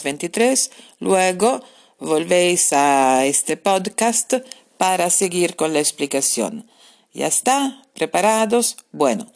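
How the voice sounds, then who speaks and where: Slow, low-voiced woman teacher. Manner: patient, repeats points, spells out examples. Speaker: language teacher. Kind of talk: recorded podcast grammar lesson.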